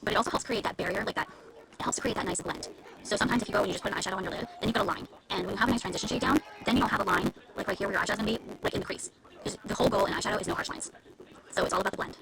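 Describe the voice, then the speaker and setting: A woman's voice: mid-range voice, racing, vocal fry, background noise. A woman beauty influencer giving a chatty, step-by-step live makeup tutorial at home. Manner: chatty, explains step by step in detail. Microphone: live-stream camera mic.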